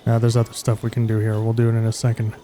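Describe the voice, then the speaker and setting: A man's voice: on the low side, monotone, very fast, dark tone, soft background music. A man streaming a video game, chatting casually with crude, joking asides. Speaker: gaming streamer.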